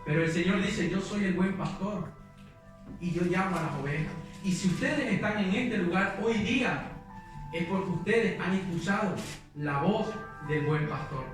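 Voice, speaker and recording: A man's voice: high voice, normal speed. A young man preaching a sermon in a church, telling his own testimony in an earnest, emotional way. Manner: earnest, emotional storytelling with quoted prayers. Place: church hall. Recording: distant, very echoey church hall with music.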